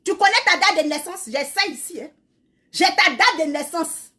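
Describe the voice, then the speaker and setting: A woman delivering a loud, scolding rant full of repeated insults. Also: extremely high pitch, animated, moderate pace. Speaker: social media creator. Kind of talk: angry insult-filled rant.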